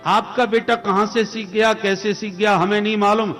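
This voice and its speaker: A man's voice: mid-range voice, takes it slowly, a little mellow, close to an everyday voice. A man voicing a frightened old teacher who pleads with a king and scolds his pupil. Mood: pleading. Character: nervous old male teacher, fearful. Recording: echoey hall with music.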